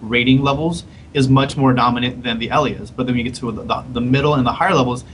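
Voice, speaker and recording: A man's voice: mid-range voice, steady tone, a bit bright, slight background noise, rough recording. A man, a game developer, explaining his design thinking in a casual podcast panel chat. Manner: quick, explanatory, casual slang.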